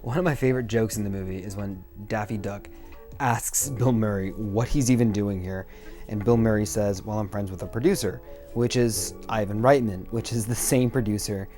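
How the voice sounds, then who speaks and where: A man's voice: fairly low pitch, normal speed, dark tone. A young man getting drunker as he hosts a video essay, rambling casually with swearing and self-deprecating asides. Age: young adult. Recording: music behind the voice.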